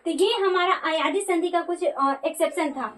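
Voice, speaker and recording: ऊँची आवाज़ में पढ़ाती शिक्षिका, हल्की सरसराहट. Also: female voice, extremely high pitch, moderate pace, a bit bright, a little hiss or hum. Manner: repeats questions and answers them for students. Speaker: Sanskrit grammar teacher. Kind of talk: classroom lecture.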